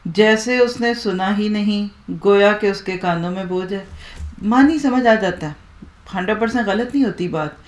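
A woman teaching Quranic Arabic grammar to a class, explaining patiently and asking the students to repeat after her. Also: fairly low pitch. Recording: echoey room.

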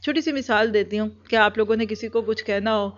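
A woman in an earnest instructional talk, training group leaders and driving points home with repeated everyday examples. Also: medium pitch. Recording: dull lo-fi recording.

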